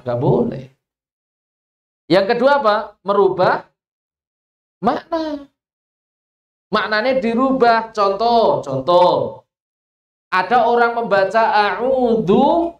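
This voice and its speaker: Javanese-accented recitation teacher, measured mid-pitched delivery, reverberant hall-like space. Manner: asks the listeners questions and answers them, stretches out example verses. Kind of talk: Quran recitation lesson. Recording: echoey room.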